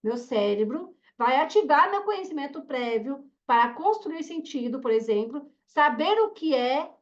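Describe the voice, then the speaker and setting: A woman's voice: high-pitched, big pitch swings, normal speed, lo-fi sound. A woman teacher with a Brazilian Portuguese accent giving an online course lecture, explaining step by step and checking in with her students with short questions. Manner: explanatory, asks the class questions, frequent "tá?" and "né?".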